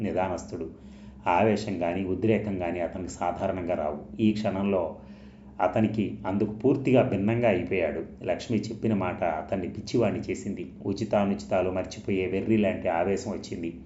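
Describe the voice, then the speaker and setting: A man narrating a novel aloud in steady, measured storytelling, in an echoey, dull recording with a faint hiss. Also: sits low. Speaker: audiobook narrator.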